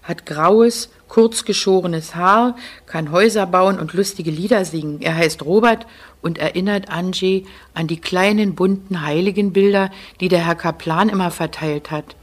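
Give me a low-voiced woman reading a story. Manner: measured, expressive. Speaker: narrator. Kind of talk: audiobook reading.

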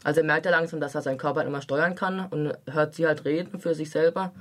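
A young man reviewing a book, reading passages and then talking about it. His voice sits a little high and he moves along at a fast clip. His reading is brisk and even. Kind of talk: reading a novel excerpt aloud, then casual review chat.

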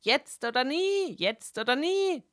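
A woman voicing a shrill, hysterical female compulsion sprite who yells frantic orders in a shrieking high voice. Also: animated, slow, no echo, clean studio sound, full character voice. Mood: frantic yelling. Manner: frantic bossy yelling.

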